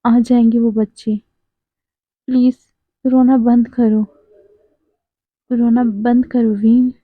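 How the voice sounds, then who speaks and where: Woman playing a gentle, steady young man soothing a loved one, flat and slow, phone-like sound. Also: on the high side, dry recording. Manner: soft, soothing, firm. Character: calm young man gently consoling his crying partner.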